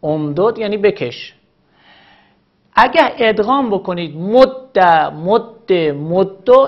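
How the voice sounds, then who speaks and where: Woman teaching grammar step by step, low-ish voice, patient, kinda muffled lo-fi audio. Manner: patient, methodical, repeats examples slowly. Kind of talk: recorded grammar lesson.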